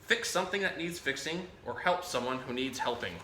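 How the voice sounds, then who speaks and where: A man speaking a little fast at medium pitch reads a children's picture book aloud in a playful, animated style. He talks directly to the young audience and makes chatty asides to a pet parrot. The recording is echoey, with faint background noise.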